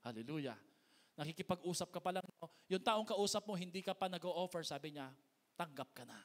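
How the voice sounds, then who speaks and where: A male pastor preaching a sermon to a congregation, mixing Tagalog and English, getting people to repeat words after him, and swinging from loud emphatic lines to hushed, near-whispered ones. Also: high-pitched, lively intonation, fairly quick. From Philippines.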